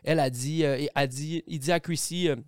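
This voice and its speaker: A Québécois man with a Québécois accent, chatting casually and firing quick follow-up questions. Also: a little high, fairly even intonation, clear, resonant tone, no echo, studio quality. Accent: Québécois French. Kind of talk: casual chat.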